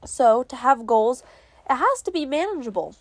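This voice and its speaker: Her high-pitched voice is very animated as she talks at an ordinary pace, with no room sound. She's a young woman from New England hosting her own podcast, rambling and self-mocking while stuffed up with a cold.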